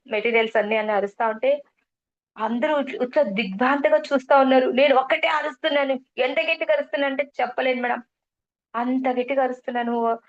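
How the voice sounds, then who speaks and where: A middle-aged woman with a lilt tells a personal spiritual story in a high, earnest voice. She repeats phrases and keeps addressing her interviewer as madam. The recording sounds muffled and lo-fi. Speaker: guest sharing a spiritual testimony.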